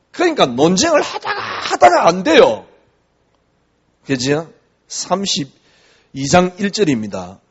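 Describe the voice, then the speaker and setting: Husky high-voiced pastor preaching a sermon. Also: male voice. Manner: conversational preaching, rhetorical questions to the congregation. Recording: dull lo-fi recording.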